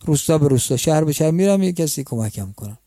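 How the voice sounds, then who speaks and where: A humble wandering beggar pleads for help in a soft, mellow tone, as a preacher puts him on. The voice drops a little lower than the storyteller's own and sounds close and dry, with no room around it. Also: male voice, lively intonation, no room sound. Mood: pleading.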